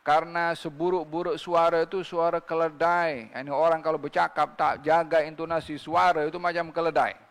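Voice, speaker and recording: A male preacher delivers a sermon in a fairly high voice that keeps catching into a gravelly fry. He recites scripture in Arabic and often checks in with his listeners through rhetorical questions. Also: little pitch movement, moderate pace, long reverb tail. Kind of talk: religious sermon.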